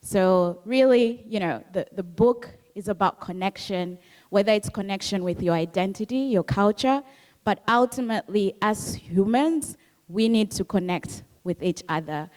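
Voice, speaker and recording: Speaking at a moderate pace in a medium-pitched, darkish voice, a Zambian author whose first language is Bemba talks about her book at a book club. Her manner is earnest and reflective, with key phrases repeated.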